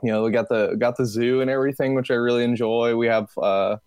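A man's voice: mid-range voice, steady tone, fast, a little mellow, clean tone, dry recording. A man in his twenties from Texas, chatting casually on a podcast, rambling with many fillers and restarts. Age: 20s. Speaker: podcast guest.

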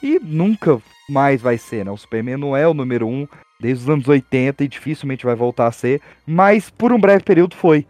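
A man's voice: medium pitch, lively intonation, brisk, hardly any pauses, darkish tone, no echo, soft background music. A young man with a Brazilian accent, talking casually and animatedly as a podcast guest, with slangy informal phrasing. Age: young adult.

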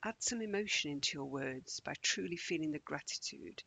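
Soft, husky, creaky man guiding meditation. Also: on the high side, rough recording. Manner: slow, calming, gentle instruction, often near a whisper. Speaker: guided meditation host. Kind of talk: soft, soothing guided morning meditation.

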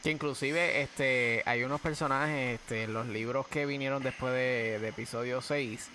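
A man in a casual chat who speaks hesitantly and fills gaps with many fillers. His voice is bright and of middle pitch. A faint ambient noise sits behind him. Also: steady tone, moderate pace.

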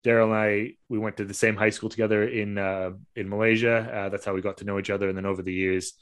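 Talking fast in a clean, fairly low voice with a level tone, a podcast host fumbles through his questions in a casual interview. He rambles and hesitates, piling up fillers and starting sentences over.

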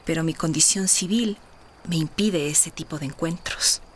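A woman's voice: low-pitched, moderate pace, a little hiss or hum, natural voice. A woman playing a refined, romantic lady in a historical audio drama, speaking formally and earnestly as if confiding. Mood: confiding, smitten. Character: refined, candid married lady, romantic and independence-minded.

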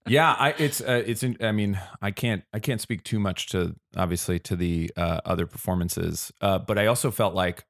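A man in casual podcast chat, speaking in a hesitant, measured way with many fillers. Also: low voice, vocal fry, a bit bright.

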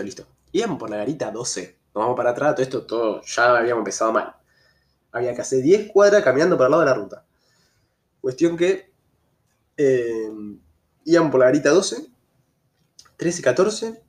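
Animated young Argentine man telling a story. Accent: Argentine Rioplatense Spanish. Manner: animated, rises sharply in pitch when retelling tense moments, slangy. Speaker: vlogger. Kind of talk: casual storytelling.

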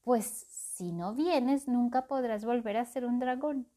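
A woman voicing a bossy, boastful male dragon sorcerer in a storybook, with booming exclamations. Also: takes it slowly, warm tone. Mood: insistent.

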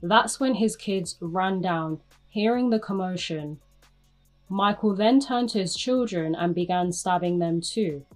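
A woman's voice: fairly low pitch, measured pace, faint music behind. A woman hosting a true crime podcast, narrating bluntly with sarcastic, profane asides. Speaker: podcast host.

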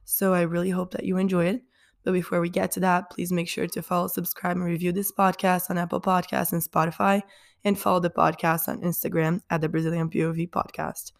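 A woman hosting a podcast, chatting in a relaxed way and asking her guest friendly, open questions. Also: on the low side, fairly quick, vocal fry. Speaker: podcast host. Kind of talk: casual podcast interview.

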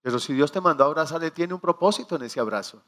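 A male preacher delivers a sermon in a somewhat high voice. He tells stories with little acted asides and quoted prayers. He drags out the key phrases for emphasis. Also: animated, fast talker, fairly bright tone.

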